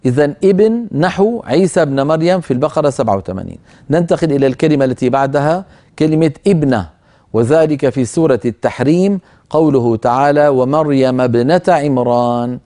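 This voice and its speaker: A man's voice: on the high side, animated, dark tone. A man teaching the rules of Quranic recitation in a recorded lesson. He speaks methodically, tells his students to take note, and says each example word more than once. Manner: recites verse examples slowly and deliberately.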